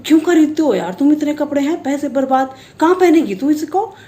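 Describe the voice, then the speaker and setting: A teasing, thrifty tailor, as a woman puts him on, scolds in folksy slang with a Garhwali accent. The voice sits high and a bit raised above her usual talk. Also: animated, fairly quick, dark tone, a little hiss or hum. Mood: teasing scolding. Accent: Garhwali-accented Hindi. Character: chatty middle-aged male tailor, teasing and thrifty.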